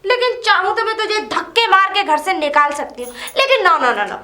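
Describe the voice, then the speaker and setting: An actress playing a scheming young wife who taunts and bosses the new bride. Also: female voice, extremely high pitch, very animated, moderate pace, pushed and bright, full character voice. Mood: taunting. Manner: taunting, mocking. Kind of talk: low-budget Hindi drama acting. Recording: echoey room.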